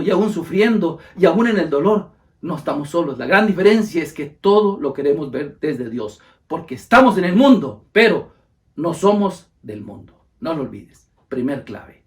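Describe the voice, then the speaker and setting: Male preacher with a raised pitch, fervent and repetitive, speaking as if to a brother. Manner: fervent, repeats phrases for emphasis, addresses listener as brother.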